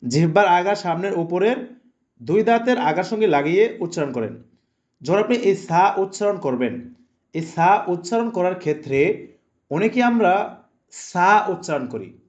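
A man teaching Quran recitation, slowly and deliberately drawing out each letter sound for his students to repeat. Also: high-pitched, expressive, a little mellow, lo-fi sound. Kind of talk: slow instructional lesson.

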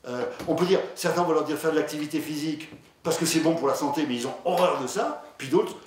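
A diabetologist with a fairly high-pitched voice and quick pace gives a conversational conference lecture in a lecture hall, hesitating with many fillers and restarts as he shares patient anecdotes. The distant mic catches an echoey hall and faint noise.

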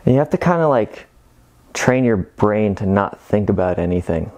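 Low-voiced man chatting casually mid-workout. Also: expressive, normal speed, darkish tone. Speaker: fitness vlogger. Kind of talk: casual chat to camera during a workout. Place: home gym room, indoors.

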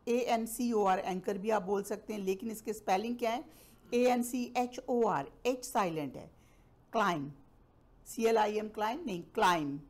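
A woman teacher from Pakistan walks through an English lesson at an unhurried pace. She spells words out one letter at a time and reads each example sentence slowly and deliberately. Her voice sits at an ordinary middle pitch. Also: a little mellow. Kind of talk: classroom lesson explaining English in Urdu.

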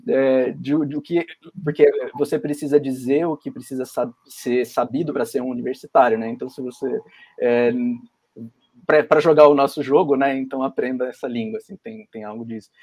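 A man's voice: mid-range voice, fairly even intonation, a little fast, a little mellow, husky. A Brazilian man with a Brazilian Portuguese accent, talking on a video-call panel and thinking aloud with many fillers and restarts. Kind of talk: academic panel discussion.

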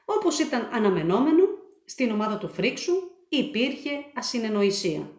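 A woman with a fairly high voice reads a children's picture book aloud, shaping each line with lively storytelling. The room around her is noticeably echoey. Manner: expressive, animated storytelling. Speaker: storyteller and author.

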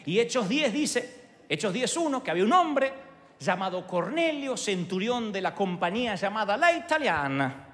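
A man with an Argentine accent preaching a sermon in a large church hall, animated and humorous. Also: high-pitched, normal speed. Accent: Argentine Spanish. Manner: animated, humorous storytelling with acted voices. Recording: echoey hall with long reverb.

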